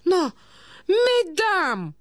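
A woman voicing a forgetful, fussy old male prince who talks in meandering, plaintive, drawn-out phrases. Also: extremely high pitch, lively intonation, no echo, studio quality, pitched above the performer's own voice, full character voice. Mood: flustered.

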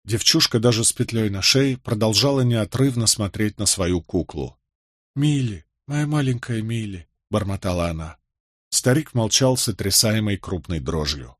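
A man's voice: on the low side, lively intonation, moderate pace, a bit bright, no room sound, studio quality. Man narrating a historical audiobook. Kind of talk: first-person audiobook narration.

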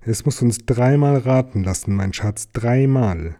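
A man's voice: medium pitch, measured pace, mellow, lightly acted. A man voicing Gollum, a slimy, sly and greedy male cave creature who hisses and repeats himself. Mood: hissing. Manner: hissing, repeating himself, whining. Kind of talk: audiobook character voice.

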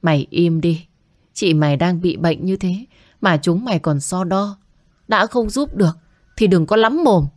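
A woman reads a middle-aged mother snapping at her child in anger. Her voice sits low and she scolds sharply. The sound is dry and close, with no room around it. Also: unhurried, darkish tone, no room sound. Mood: angry.

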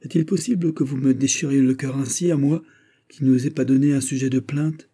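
A man's voice: lowish voice, fairly even intonation, a little slow, dark tone, breathy edge. A man reading the part of an earnest young nobleman who pleads with his father, in a raised, tense voice. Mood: pained. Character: young nobleman, earnest, stubborn, devoted son. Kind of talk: audiobook character reading.

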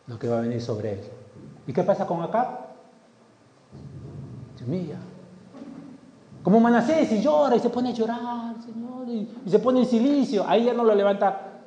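A man's voice: high-pitched, darkish tone, slight background noise. A male pastor preaching a sermon, telling the story vividly, acting out the scenes and asking many rhetorical questions. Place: church hall. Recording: echoey hall, dull lo-fi sound.

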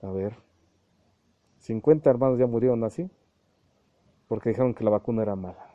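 Male medium, very mellow dark timbre, dry close sound, channeled sermon with acted-out dialogues. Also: mid-range voice, a little fast, no echo, highs cut off. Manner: addresses listeners as little brothers, repeats himself, acts out quoted dialogues. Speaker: spiritualist medium preaching.

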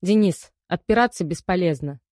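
A woman's voice: lowish voice, animated, normal speed, darkish tone, no room sound, studio quality, lightly acted. A woman reading the part of a commanding female investigator questioning a suspect, in a raised, firm voice.

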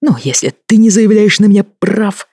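An audiobook reader voicing a proud young Scottish husband, forceful and clipped, rising toward shouts. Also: medium pitch, animated, moderate pace, slightly rough, no room sound, pitched above the performer's own voice. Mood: furious.

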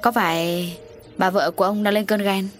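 A woman's voice: medium pitch, fairly even intonation, soft background music, natural voice. A woman doing a stern police officer. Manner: stern, brisk questioning. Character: stern male police officer questioning a couple.

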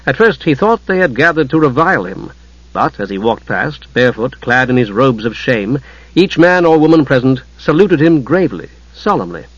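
A man narrating a fantasy novel in a measured, solemn reading that moves between voices. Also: medium pitch, animated, breathy edge, no room sound. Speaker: audiobook narrator. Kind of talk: scripted narration. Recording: dull dry recording.

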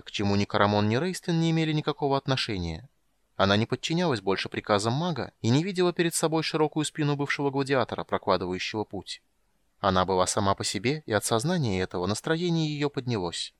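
A man reading a fantasy audiobook in a measured storytelling manner. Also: mid-range voice, no room sound. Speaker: audiobook reader. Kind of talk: scripted audiobook narration.

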